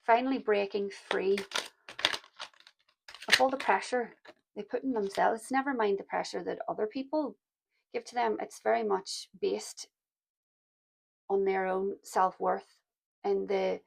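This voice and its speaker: A woman with a croaky voice giving a pick-a-card tarot reading, speaking softly and reflectively and calling her listeners "my loves". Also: mid-range voice. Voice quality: gravelly. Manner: soft-spoken, reflective, addresses listeners as "my loves". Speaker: tarot reader.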